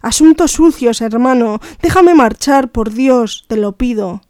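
A woman's voice: a little high, expressive, measured pace, mellow, dry recording, clean studio sound. A woman reading aloud voicing a frightened young male peasant who begs and pleads. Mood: pleading. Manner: pleading, begging.

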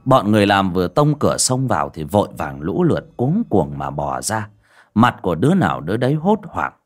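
A man's voice: low-pitched, sing-song, a little fast. A man narrating a horror story in a dramatic, vivid storytelling manner. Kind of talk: scripted storytelling.

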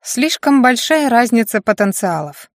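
A woman voicing a proud, sharp-tongued young female student with a snippy, mocking manner. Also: on the high side, very animated, measured pace, dry recording, studio quality, pitched above the performer's own voice. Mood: snippy confident.

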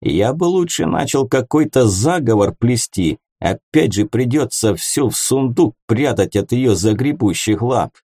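A sardonic male clansman grumbling dismissively, as a male narrator voices him. The tone is dark and mellow, and the reading is dry and close. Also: medium pitch, expressive, a little slow, few pauses, slightly rough, no echo.

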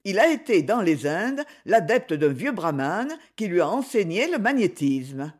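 Animated expressive novel narrator. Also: mid-range voice, unhurried. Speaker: audiobook narrator.

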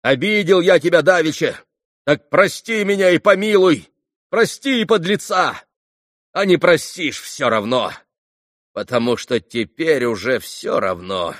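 A man's voice: fairly low pitch, a bit bright, no room sound. A man voicing a reckless, impulsive young nobleman who barks orders and exclamations, read in a dry studio. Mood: excited commanding. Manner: exclamatory, rushed commands.

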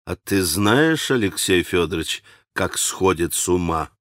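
A man's voice: mid-range voice, expressive, unhurried, fairly bright tone, no room sound. A male narrator voices a brooding young man on the edge of breakdown, curt and sardonic. The voice sits mid-range, close and dry like the rest of the reading. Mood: quiet.

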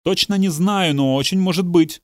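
A male narrator voicing an excited man who answers eagerly and emphatically in an audiobook. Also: high-pitched, normal speed, no echo, studio quality, voice pushed up, natural voice. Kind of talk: audiobook dialogue reading.

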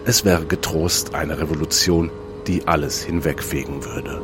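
A man's voice: very deep voice, steady tone, unhurried. A man, presenting scripted commentary and programme summaries as a radio host. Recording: music behind the voice. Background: music.

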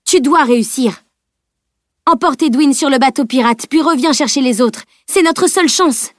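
A woman's voice: sits high, normal speed, no room sound, clean studio sound, voice pushed up, close to an everyday voice. A woman reading the lines of a determined young girl with magic powers in an audiobook. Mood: urgent. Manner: urgent, commanding.

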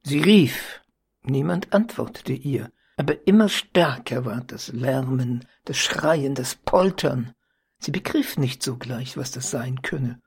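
Audiobook narrator, unhurried and deliberate, slightly husky. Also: medium pitch. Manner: slow, measured storytelling. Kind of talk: audiobook reading.

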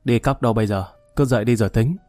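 A man doing a gruff, bossy young man. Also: medium pitch, fast, mellow, no room sound, faint music behind, lightly acted.

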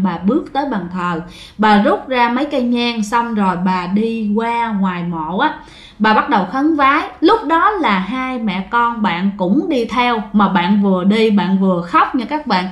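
A woman's voice: fairly high pitch, a bit bright. A woman telling a ghost story to her listeners in a conversational way, often turning to them directly. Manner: conversational, addresses listeners often, acts out the family's lines. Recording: echoey room.

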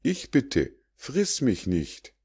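A man's voice: medium pitch, wildly swooping pitch, extremely slow, a little mellow, breathy edge, pitched above the performer's own voice, exaggerated voice. A man voicing a tiny, frightened male dwarf who pleads in a raised, desperate voice. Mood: pleading.

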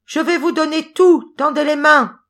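A woman voicing a tiny, bold and playful boy in a storybook, calling out in a high, bright voice. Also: lively intonation, moderate pace, natural voice. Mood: shouting.

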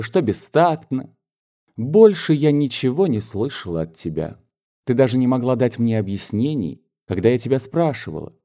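A man lifts his voice well above his own to play a spirited young woman from a classic novel, earnest and reproachful. Her talk runs hot and pleading, and her pitch climbs and swings widely. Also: warm tone, close to an everyday voice.

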